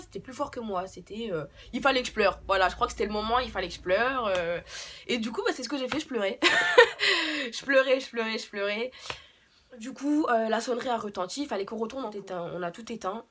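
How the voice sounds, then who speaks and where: A woman's voice: on the high side, fairly bright tone, a little hiss or hum. Hesitant young French-speaking woman vlogging. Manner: hesitant, many fillers and restarts. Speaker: beauty vlogger. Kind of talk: unscripted storytime.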